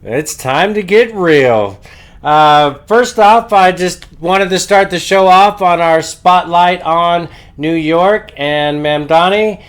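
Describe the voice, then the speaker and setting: Male political host, slightly high-pitched, unhurried, stuffed up with a head cold, halting news commentary with plenty of uhs.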